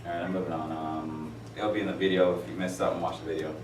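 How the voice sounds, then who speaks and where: A man's voice: sits low, flat delivery, fast talker, a little mellow, a little hiss or hum. A man in his forties teaching a math class, rambling and joking with stories between the steps. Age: 40s. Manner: rambling, jokey, with asides and stories. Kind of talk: classroom lecture. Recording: echoey room, from far off.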